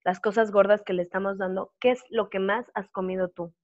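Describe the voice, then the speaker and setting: A woman with a Mexican accent co-hosting a casual chat show, playful and joking, and quick to laugh. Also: mid-range voice, fairly even intonation, narrow, tinny audio. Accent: Mexican Spanish. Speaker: podcast co-host.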